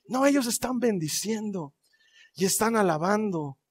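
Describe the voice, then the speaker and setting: A man with a fairly high voice preaching in a church. He tells the story with lively, dramatic flair and joking asides. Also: a little slow, husky. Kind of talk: sermon.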